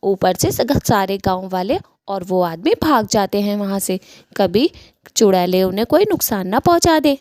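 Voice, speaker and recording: Lady telling a cartoon story, steady and plain, dry close sound. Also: medium pitch, moderate pace, no echo. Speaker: narrator. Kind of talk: storytelling narration.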